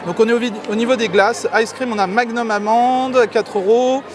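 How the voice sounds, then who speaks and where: Walking a theme park with a handheld camera, this middle-aged vlogger talks to his audience like friends. His voice is extremely high-pitched, steady, and at normal speed, while crowd noise and faint music carry on in the background outdoors.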